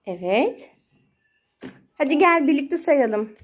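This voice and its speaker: Beside water play tubs at home, a woman narrates playtime for her little one in sing-song baby talk, repeating words. Her high voice swings widely in pitch and she takes her time. It's a noisy home phone recording with clicks.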